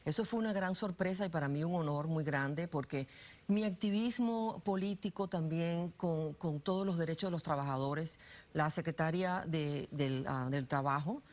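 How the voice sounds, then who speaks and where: A woman in her sixties, born in Cuba, talks on a lapel mic in a TV studio. Her voice sits low, and she speaks chattily, with many fillers and restarts. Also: normal speed, a little mellow. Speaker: guest, political analyst. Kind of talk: studio interview, personal story.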